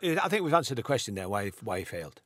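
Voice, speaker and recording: A man co-hosting a podcast, chatting quickly with wry asides. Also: fairly low pitch, sing-song, crowd noise. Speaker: podcast co-host. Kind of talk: casual chat.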